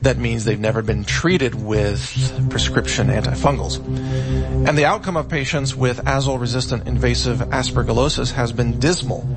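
A man narrating a scripted documentary in the grave, formal, measured manner of a news anchor. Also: mid-range voice, steady tone, over loud music. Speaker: documentary host.

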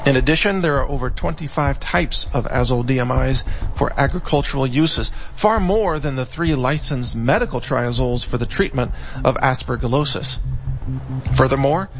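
A man narrating a scripted documentary in the grave, formal, measured manner of a news anchor. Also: medium pitch, a little hiss or hum, poor audio. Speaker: documentary host.

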